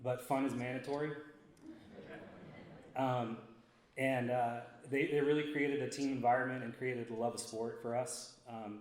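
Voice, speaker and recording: A man giving an acceptance speech on behalf of a group, speaking haltingly with many drawn-out ums. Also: medium pitch. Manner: halting, frequent long ums. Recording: echoey hall, faint noise.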